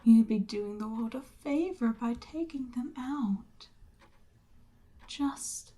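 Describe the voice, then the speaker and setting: In an ASMR roleplay, a woman voices a seductive, domineering Demon Queen, breathy and often close to a whisper. Her voice is fairly high, slow, and mellow, and her manner is smug, coaxing, commanding, and persuasive.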